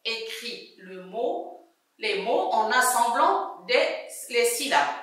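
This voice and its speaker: A woman teacher leads a first-grade reading lesson at a very slow, patient pace. Her high, lively voice repeats each word and syllable for the children. She is heard at a distance in a strongly echoing room. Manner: slow, repeats words and syllables, praises often. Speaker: primary school teacher. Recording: echoey room, voice away from mic.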